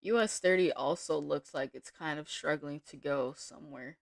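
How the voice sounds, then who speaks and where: A woman day trader giving casual live-stream commentary from her home desk, thinking aloud in a relaxed way with small restarts. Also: low voice, normal speed, gravelly, no echo, clean studio sound.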